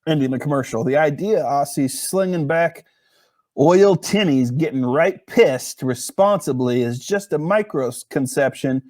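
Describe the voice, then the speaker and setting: A man's voice: fairly high pitch, a little mellow, no room sound. A man from the US Pacific Northwest hosting a casual beer review podcast, rambling and joking as he reads reviews aloud.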